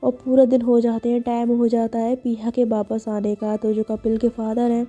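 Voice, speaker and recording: Mellow-voiced woman telling a story. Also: fairly high pitch, monotone, normal speed, soft background music. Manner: chatty, filler-heavy retelling. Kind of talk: casual spoken story narration.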